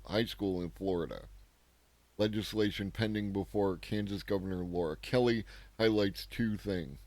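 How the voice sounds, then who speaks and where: A man with a low, deep voice hosts a casual news commentary, musing aloud in a loose, sarcastic way. He keeps checking in with the listener through quick tag questions. The sound is dry and close, with no room echo. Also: darkish tone. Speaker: host of a daily news commentary show.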